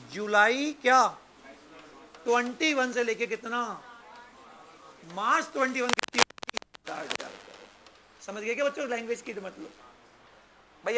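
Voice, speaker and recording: Man teaching a class, super high punchy voice, keeps quizzing the students. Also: bright, forceful tone, low-quality recording. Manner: quizzing students with frequent short questions. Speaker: accountancy and tax teacher. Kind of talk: interactive lecture.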